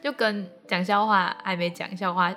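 A young woman with a Taiwanese Mandarin accent co-hosting a podcast in casual chat, self-mocking and quick to laugh. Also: mid-range voice, fairly even intonation, bright, forceful tone. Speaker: podcast co-host.

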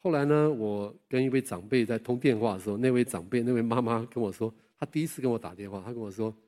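An older man preaching a sermon. He tells animated, self-deprecating personal stories and often asks his listeners questions. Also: mid-range voice, fast talker. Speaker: pastor.

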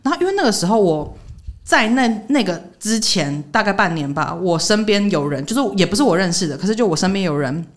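A young woman, co-hosting a podcast and telling a workplace story in casual chat. She acts out what others said, jumping up in pitch for the quotes. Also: brisk. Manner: animated retelling, voicing others' quotes with jumps in pitch. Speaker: podcast co-host.

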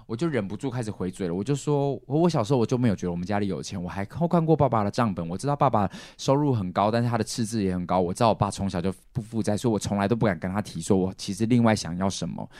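A man's voice: lowish voice, rapid-fire, few pauses, no echo, studio quality. A man, hosting a podcast and telling a family story casually, acting out what his relatives said. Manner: animated, acts out quoted relatives. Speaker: podcast host.

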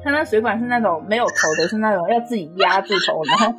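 A young woman co-hosting a podcast, telling workplace stories in an exasperated, animated casual chat. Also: medium pitch. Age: young adult. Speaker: podcast co-host.

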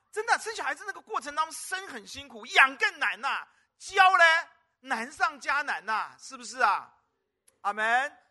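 A man's voice: high voice, bright, forceful tone. A male pastor preaching a sermon at a church service, constantly calling out to the congregation with rhetorical questions. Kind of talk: lively sermon.

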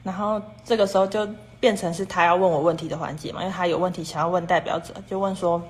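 A woman with a lowish, steady voice talks fast while hosting a relaxed livestream. Her talk rambles and repeats, chained with "and then," as she discusses viewers' comments.

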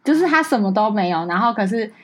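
A young woman co-hosting a podcast, chatting casually and telling a personal story with animated acted-out dialogue. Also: medium pitch, fast. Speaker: podcast co-host. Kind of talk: casual chat.

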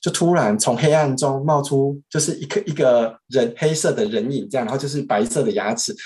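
A young man with a Taiwanese Mandarin accent, once a French interpreter, appears as a podcast guest and casually tells a story. His voice is medium-pitched, fairly quick and a little mellow, and he rambles with plenty of restarts.

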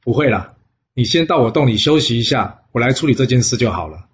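A man's voice: mid-range voice, lively intonation, fast, muffled recording, a little hiss or hum, lightly acted. A storyteller with a Taiwanese Mandarin accent voicing a genial, teasing old Taoist immortal man. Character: amused elderly male Taoist immortal.

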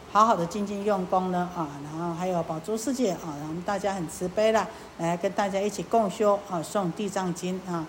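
A woman, a Buddhist nun, giving a lecture with many drawn-out fillers and rhetorical questions. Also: medium pitch, slight background noise, low-quality recording. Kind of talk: Buddhist sermon.

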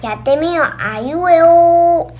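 A woman co-host with a very high voice reads a children's story aloud. She takes her time, sounding out each line clearly and carefully for young learners. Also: animated, a little mellow. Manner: slow, clear, deliberate reading for learners. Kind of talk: children's lesson, reading a story.

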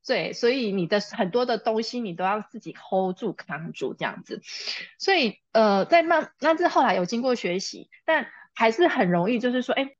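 A woman's voice: fairly high pitch, lively intonation, moderate pace, dry recording, muffled recording. A woman, a mother and interview guest, telling a personal story and often laughing. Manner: laughs often, quotes herself and her child.

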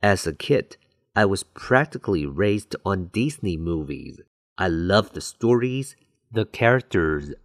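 A man with a deep, low voice gives a bilingual English lesson. He explains phrases clearly and deliberately, like a teacher walking students through a model answer. The sound is dry and close, with no room around it. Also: lively intonation, no echo.

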